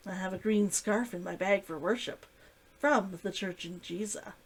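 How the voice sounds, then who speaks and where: A woman's voice: mid-range voice, moderate pace, lightly acted. A woman voicing a curious, restrained male adventurer in a story reading. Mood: intrigued. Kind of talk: acted dialogue in a story reading.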